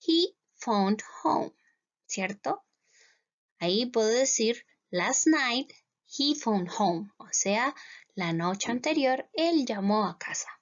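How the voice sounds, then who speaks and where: A Chilean woman teaching an English grammar lesson. Her voice sits fairly high, and she keeps asking her students whether they follow, drawing the English words out slowly. The recording is dull and lo-fi. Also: expressive. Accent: Chilean Spanish. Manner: patient, repeats "¿cierto?" to check understanding. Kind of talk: classroom lesson explaining grammar. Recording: dull lo-fi sound.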